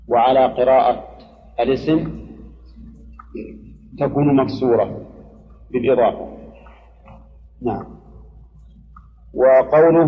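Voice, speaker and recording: A man giving a classroom lecture on Quranic readings and grammar, speaking in a measured way, repeating key words and putting questions to his students. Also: mid-range voice. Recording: muffled lecture hall with long reverb.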